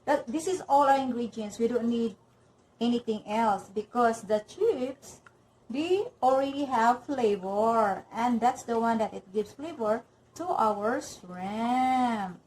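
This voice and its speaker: A Filipino woman with a Filipino accent runs a cooking demo in her home kitchen as a vlogger, chatting through each step and saying "okay" often between them. Her voice is fairly high, animated, slow and slightly mellow, captured on a rough recording with some hiss or hum.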